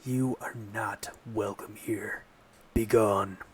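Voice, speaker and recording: A man voicing a gruff, hostile settlement leader who distrusts outsiders, reading his game lines in a stern, curt way. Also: on the low side, fairly even intonation, takes it slowly, distant mic, a little hiss or hum, voice pushed down, poor audio. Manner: stern and curt, with a failed attempt at a growl. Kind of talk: reading game dialogue aloud. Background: game music.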